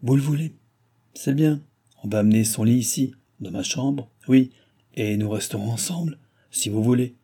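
A man's voice: mid-range voice, moderate pace, mellow, slightly rough, close to an everyday voice. A man voicing a tall, bony American doctor who speaks French with a guttural foreign accent, placid but firm and grumbling. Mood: exasperated.

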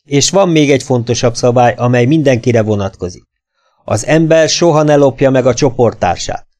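A man voicing a stern adult male instructor at a boys' boarding school, barking harsh orders loudly in a raised voice. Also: medium pitch, close to an everyday voice. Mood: stern shouting. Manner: barks orders, harsh and commanding.

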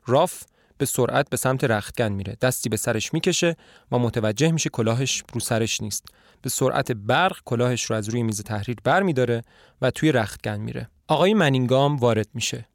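A man narrating a play, reading stage directions with steady storytelling. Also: mid-range voice, dry recording, clean studio sound. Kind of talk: scripted narration.

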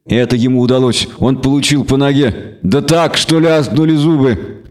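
Male audiobook reader, measured and even, mid-pitched. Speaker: audiobook narrator. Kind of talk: scripted audiobook narration.

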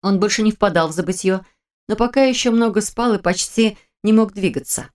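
A woman reading a first-person fantasy audiobook in a measured, expressive way. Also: mid-range voice. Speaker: audiobook narrator.

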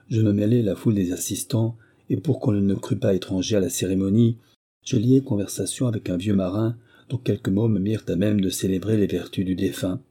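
A man reading a first-person memoir aloud as an audiobook narrator, in steady, measured storytelling. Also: lowish voice, breathy edge.

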